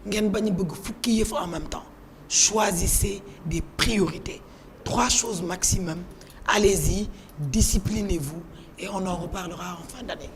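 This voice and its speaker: A woman life coach with a Senegalese accent and a hoarse, croaky, witch-like voice, giving motivational advice on a talk show. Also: mid-range voice, measured pace.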